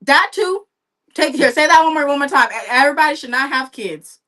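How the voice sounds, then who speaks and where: A woman on a livestream talks casually while painting, her voice bright and forward. She tells gossip in a chatty, animated way, jumping between thoughts. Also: sits high, a little fast. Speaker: livestream co-host. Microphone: livestream setup.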